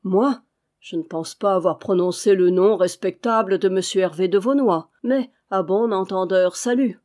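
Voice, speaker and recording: A woman voicing a cynical male valet and hired killer, smooth, insolent and coolly ironic, in an audiobook reading. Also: mid-range voice, moderate pace, a little mellow, close to an everyday voice. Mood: menacing.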